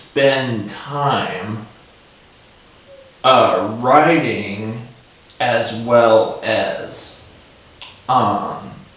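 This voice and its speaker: A man playing a gentle children's show host who interviews a guest in a hesitant, stammering, halting way. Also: medium pitch, far from the mic. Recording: tinny, echoey, from afar, faint hiss.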